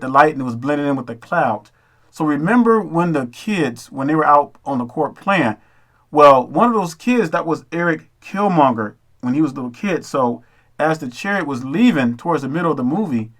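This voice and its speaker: A man's voice: medium pitch, fairly bright tone. A man giving casual, preachy commentary on a film, addressing his listeners as brothers and sisters. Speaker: religious commentator.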